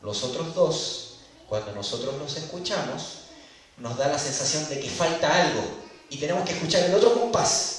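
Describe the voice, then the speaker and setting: A man's voice: a little high, lively intonation, normal speed. A man preaching in a church, explaining rhythm and harmony step by step and counting beats aloud. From Chile. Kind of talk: sermon teaching on music theory. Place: church hall. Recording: very echoey church hall, mic far off.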